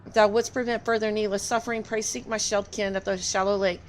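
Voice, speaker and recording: A woman's voice: mid-range voice, level tone, quick pace, slight background noise, natural voice. A woman reading aloud a game's solemn, grieving dragon in formal, archaic phrasing. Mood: solemn, reproachful. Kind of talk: reading game dialogue aloud.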